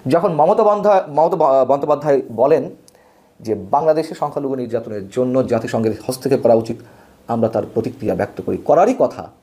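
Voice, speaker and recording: A man giving spoken political commentary with an emphatic, rhetorical delivery, pushing his pitch up sharply on key words and now and then stumbling over a word. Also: fast talker, mellow.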